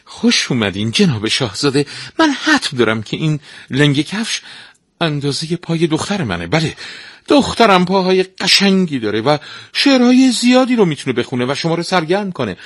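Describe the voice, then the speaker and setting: A man voicing a flattering, scheming stepmother in a spoken storybook tale, fussing and gushing over a prince. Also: on the low side, hardly any pauses, slightly rough, no echo, studio quality, pitched above the performer's own voice, full character voice. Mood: fawning, flustered. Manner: fawning, gushing, interrupts herself.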